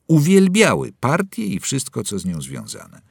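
A man narrating a novel aloud in a dramatic, expressive reading. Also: medium pitch, moderate pace, vocal fry, breathy edge, dry recording, studio quality. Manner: dramatic, wide-ranging delivery. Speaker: audiobook narrator.

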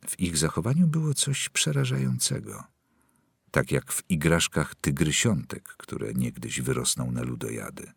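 Man, deep, husky, audiobook narrator, dry close sound. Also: animated, normal speed, no room sound. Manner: dramatic, wide-ranging delivery. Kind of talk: scripted narration of a novel.

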